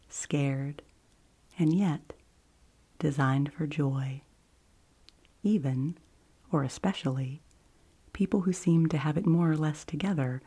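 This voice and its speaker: A woman giving a whispered ASMR book review and reading in a soft library whisper, gentle and deliberate, with long pauses. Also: low-pitched, breathy edge. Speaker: ASMR host.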